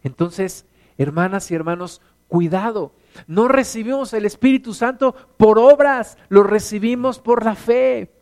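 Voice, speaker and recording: A middle-aged Mexican man preaching a sermon as pastor, animated, acting out stories in put-on voices. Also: sits high, measured pace. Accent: Mexican Spanish.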